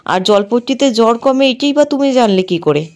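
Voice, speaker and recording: A woman voicing a calm grown man who is a doctor and a father, speaking in a reasoning way, close to her own voice. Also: on the high side, a little fast, close to an everyday voice.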